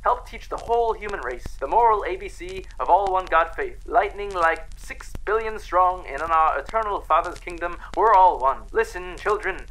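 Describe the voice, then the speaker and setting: Old-timey preacher, a man putting it on, bright, forceful, solemn grand declaiming, comedic reading. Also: high-pitched, expressive, normal speed, hardly any pauses, pitched above the performer's own voice, rough recording. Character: old-timey male preacher reciting soap-label creed.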